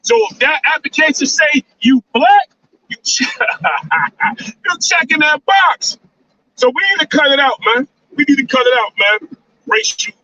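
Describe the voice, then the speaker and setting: A man's voice: extremely high pitch, animated, a little slow, pushed and bright, far from the mic. An American man hosting a casual livestream, talking to his viewers from a car in an emphatic, repetitive, lecturing way, often ending lines with "man.". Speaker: livestream host. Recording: dull lo-fi sound from off the mic.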